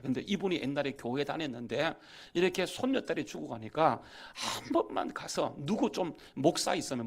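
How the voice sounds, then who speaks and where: A man preaching in a church with a gravelly, husky voice. His pitch swings widely as he acts out conversations and builds to emphatic, fervent calls. He preaches as a guest pastor. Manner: animated, acts out dialogue, rising to emphatic preaching. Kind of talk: storytelling sermon. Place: church sanctuary.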